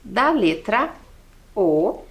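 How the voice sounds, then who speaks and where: A woman's voice: medium pitch, very animated, very slow. A woman teacher with a Brazilian Portuguese accent, giving a patient classroom lesson and counting aloud step by step with rhetorical questions.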